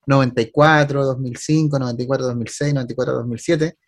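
A man's voice: medium pitch, fairly even intonation, fast talker. A man with a Chilean accent, hosting a podcast in casual chat, going over things at length with filler words and restarts.

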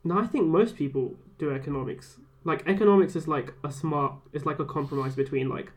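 A young adult man, a first-year university student, co-hosts a podcast in a laid-back, hesitant casual chat. His voice is on the high side and a little fast.

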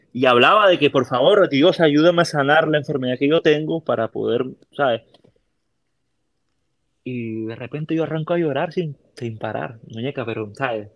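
A middle-aged man from Puerto Rico with a Puerto Rican Spanish accent, telling a personal story as a podcast guest in a casual, animated way and acting out the voices of people in it. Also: mid-range voice, no room sound.

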